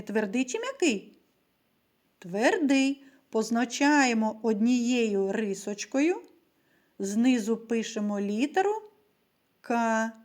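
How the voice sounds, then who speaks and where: Slow, patient woman teaching young children. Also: a little high, darkish tone. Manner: slow, clear, patient, addresses children directly. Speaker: primary school teacher. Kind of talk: video literacy lesson for young children.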